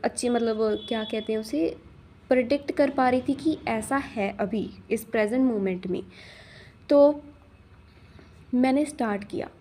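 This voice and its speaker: A young woman speaks in a calm, easygoing way, repeating herself and pausing on small fillers as she tells her story. Her voice is fairly high but mellow and warm. A faint hiss sits behind it. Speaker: manifestation coach. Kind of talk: casual personal story to camera.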